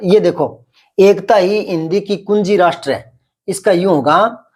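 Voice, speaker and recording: Hindi grammar teacher, patient explainer. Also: male voice, high voice, breathy edge. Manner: explains patiently, repeats example sentences slowly, quizzes a pupil. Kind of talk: classroom grammar lesson.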